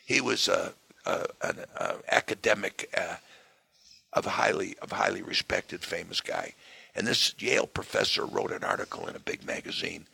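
A hoarse man speaking as a guest in a political interview, leaning hard on his key words. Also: deep voice, wildly swooping pitch, normal speed, bright, forceful tone. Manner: emphatic, punches key words.

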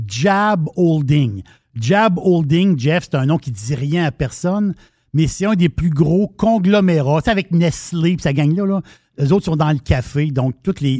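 A man's voice: a little high, mellow, dry recording, clean studio sound. A man with a Québécois French accent, co-hosting a radio show and telling a story in casual banter with many restarts.

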